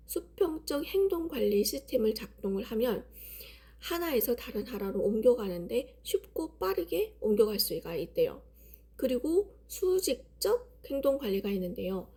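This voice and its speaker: A woman in her thirties talks casually to camera about a book she is sharing, pausing often with fillers as she thinks aloud. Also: on the high side, big pitch swings, mellow, slightly rough. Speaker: book reviewer. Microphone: camera mic.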